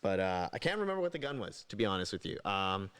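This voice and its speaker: A man's voice: low-pitched, very animated, quick pace, a bit bright, clean tone. A man co-hosting a casual podcast chat, rambling and hesitant with lots of fillers. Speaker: podcast co-host.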